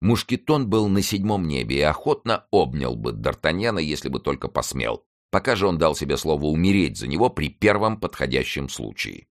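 Deep-voiced guy reading a book aloud, lots of swing in his voice, theatrical. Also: very animated, fairly quick, hardly any pauses, no echo, studio quality. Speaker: narrator. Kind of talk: audiobook narration.

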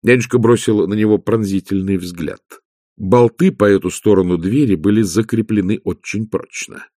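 Husky male audiobook narrator. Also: on the low side, moderate pace, dark tone, no room sound, clean studio sound. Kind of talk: scripted narration.

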